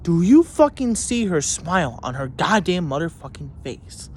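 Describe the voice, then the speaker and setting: Speaking at normal speed on the high side, this young man is very animated, with a darkish tone and a little background hiss or hum. He's a student ranting angrily to camera about teachers in a school story, rambling, cursing heavily and restarting sentences in a heated, indignant, mocking way.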